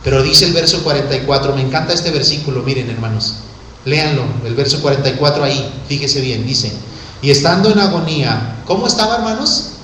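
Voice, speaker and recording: A man preaching a sermon, passionately swinging between hushed tones and shouts. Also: mid-range voice, brisk, slight background noise. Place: church sanctuary. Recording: echoey church hall.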